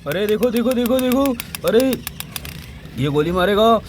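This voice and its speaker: A man's voice: high voice, expressive, measured pace, darkish tone, a little hiss or hum. A man narrating toy play for children in an eager, repetitive way, constantly calling out to the kids.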